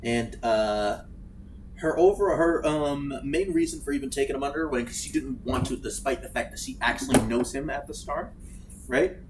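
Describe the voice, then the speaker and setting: A man chatting casually while playing a game, swearing freely and breaking into loud outbursts. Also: medium pitch, moderate pace, background noise. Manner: animated, swears freely, bursts into shouts. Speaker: gaming streamer. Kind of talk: casual let's-play chat.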